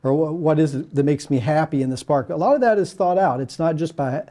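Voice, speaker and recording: A man's voice: a little high, brisk, mellow. A middle-aged man from Kentucky, a landscape architect, talking casually in an interview with many fillers and restarts.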